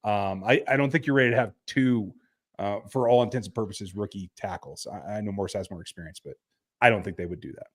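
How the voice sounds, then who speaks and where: A man's voice: on the low side, quick pace. A man hosting a casual sports podcast over a remote call, reading listener texts and answering bluntly with frequent fillers and restarts.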